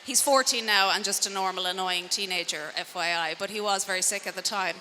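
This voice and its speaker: With a mid-range voice that is a little fast, pushed and bright, a middle-aged coach and speaker from Connemara, Galway, gives a conversational motivational talk to a live audience. She has a west of Ireland accent and uses rhetorical questions and wry asides about herself. The indoor event room is a reverberant hall with clear background noise.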